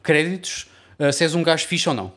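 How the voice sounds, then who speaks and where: A man's voice: fairly high pitch, quick pace, a bit bright. A man with a European Portuguese accent chatting casually as a music producer, swearing and dropping English phrases into his slangy talk. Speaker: music producer and mix engineer. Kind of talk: casual podcast chat.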